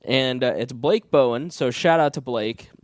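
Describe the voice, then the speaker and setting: Getting over a cold, a young man speaks in a medium-pitched, slightly phlegmy voice as he co-hosts a casual podcast. He jokes easily, keeps a moderate pace and reads news items aloud from time to time, in studio-quality audio with no echo.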